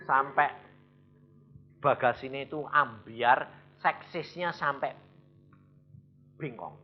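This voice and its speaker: A man preaching a sermon, telling a story with animated delivery, acting out the dialogue and chuckling as he goes. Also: medium pitch, takes it slowly. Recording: dull lo-fi recording.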